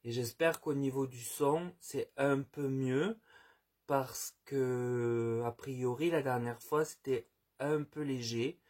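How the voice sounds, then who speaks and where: Guy doing a tarot reading, slow and kinda husky, lots of euh and restarts. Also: fairly even intonation. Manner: hesitant, many fillers and restarts; earnest, heartfelt advice. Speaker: tarot reader. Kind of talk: casual spoken reading. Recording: quiet, low-level voice.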